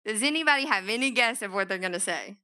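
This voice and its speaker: Female speaker, East Tennessee Appalachian accent, bright and smooth, for a chatty, self-deprecating public talk. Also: medium pitch, expressive, quick pace. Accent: East Tennessee Appalachian Southern. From East Tennessee, United States. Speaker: nonprofit founder speaking to an audience. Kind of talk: informal, conversational public talk.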